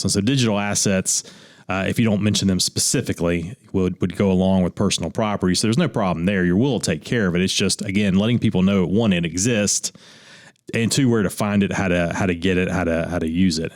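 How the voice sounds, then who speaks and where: A man's voice: deep voice, no room sound, clean studio sound. A man, an attorney co-hosting a radio show, talking casually about wills with easygoing restarts. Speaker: attorney co-host. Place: radio studio.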